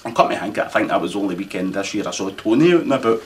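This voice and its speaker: Scottish man, lowish voice, pompous mock-regal address, rambling with slang, faint hiss behind. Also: expressive, very fast. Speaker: comic host of a mock royal address. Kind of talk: mock-formal Christmas address.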